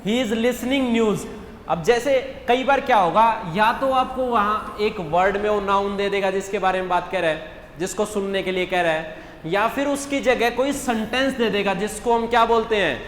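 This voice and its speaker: A bit bright and high-voiced, a male English teacher moves at a moderate pace through mock test answers before a classroom of students. Again and again he asks the class something and answers it himself, in an echoey hall with a faint hum.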